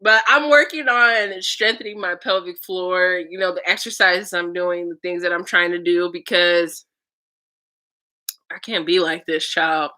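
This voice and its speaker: Bright-voiced young woman vlogging frankly. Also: lowish voice, fairly even intonation, unhurried. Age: young adult. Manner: chatty, laughs often, frank and profane. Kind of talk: casual storytelling vlog.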